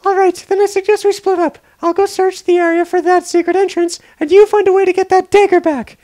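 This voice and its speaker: A woman's voice: very high voice, little pitch movement, a little fast, dark tone. A woman voicing a practical, dry young female adventurer in a parody game dub.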